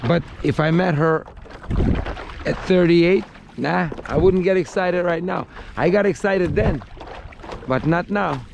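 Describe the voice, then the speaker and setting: A man's voice: high voice, unhurried, gravelly, muffled recording, background noise. A man vlogging from an outdoor beach club, ranting in a profane, agitated way and mocking the way other people talk. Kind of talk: unscripted rant to camera.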